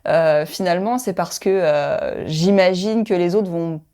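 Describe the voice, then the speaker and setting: A woman's voice: fairly low pitch, measured pace, warm tone. Chatty woman podcast host. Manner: reflective, chatty, laughs easily. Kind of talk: casual conversational interview.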